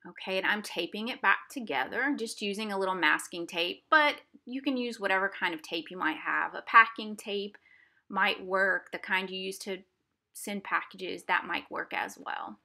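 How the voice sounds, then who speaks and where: Seated at a craft table indoors, a woman art instructor with a medium-pitched, creaky, bright, forceful voice talks at normal speed. She gives young viewers a simple, explanatory craft demo for a museum family program.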